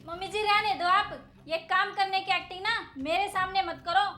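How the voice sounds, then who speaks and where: A woman's voice: very high voice, fairly even intonation, normal speed, sharp tone, soft background music. A woman acting a scheming young daughter-in-law in a family drama skit, talking in a curt, dismissive, scolding way. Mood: scornful.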